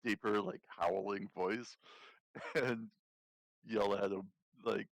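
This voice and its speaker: A man's voice: on the low side, fairly even intonation, slow pace, dry recording, poor audio. A man playing a tabletop game, chatting casually and playfully. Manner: laughs through his lines, loose and playful. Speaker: player.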